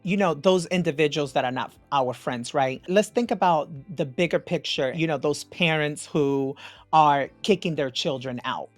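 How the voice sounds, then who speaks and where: A woman's voice: deep voice, moderate pace, no room sound, soft background music. A woman hosting a podcast, asking careful interview questions. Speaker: podcast host.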